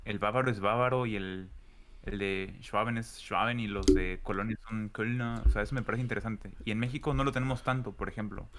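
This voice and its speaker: A man with a Mexican accent, co-hosting a casual podcast and telling relaxed stories with colloquial asides. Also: on the low side, brisk, heavy background noise. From central Mexico. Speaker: podcast co-host. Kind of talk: casual chat.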